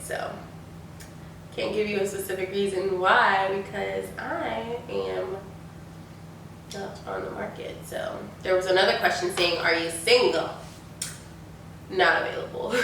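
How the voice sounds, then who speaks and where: Her voice is lowish yet bright and forceful: a twenty-something beauty YouTuber with a sinus infection making her stuffy, chatting loosely through a Q&A peppered with likes and ums. Faint noise, room echo and a far-off mic color the recording.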